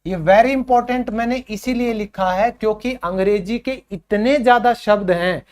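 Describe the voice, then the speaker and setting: A man teaching spoken English to beginners, repeating each word slowly and calling his learners friends. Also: high-pitched.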